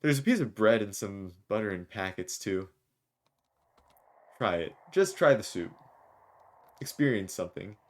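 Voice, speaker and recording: Slow low-voiced male game streamer. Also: big pitch swings. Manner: jokey, rambling, reads lines with small voices. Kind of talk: let's play commentary, reading game dialogue aloud.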